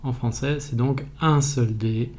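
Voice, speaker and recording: Mellow-voiced man teaching spelling. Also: medium pitch, slow pace. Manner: calm, methodical explaining. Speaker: French language teacher. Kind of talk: explanatory video lesson.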